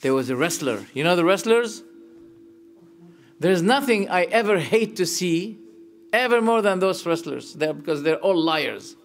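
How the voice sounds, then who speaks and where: A man leads a religious lesson, explaining verses in a voice pitched a little high. He is animated and emphatic, lifting his voice on the points that matter. He tells stories with open feeling. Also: unhurried, creaky, faint music behind. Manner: tells stories, sometimes emotional. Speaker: sheikh teaching Islamic creed.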